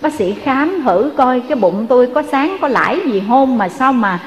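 A woman's voice: sits high, animated, moderate pace. A woman with a Southern Vietnamese accent voicing a devout elderly woman who pleads for help, in a reverberant hall. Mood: pleading.

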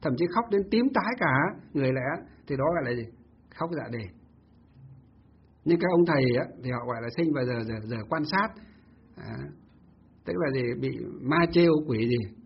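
A man's voice: mid-range voice, lively intonation, fairly quick, dull audio, a little hiss or hum. A Buddhist monk telling a story in a Dharma talk, asking himself rhetorical questions as he goes.

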